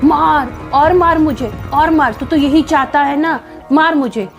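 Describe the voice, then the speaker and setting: A woman voicing a furious middle-aged wife who scolds and threatens in a sharp tone. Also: a little high, moderate pace, muffled recording, soft background music, lightly acted. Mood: anguished defiance.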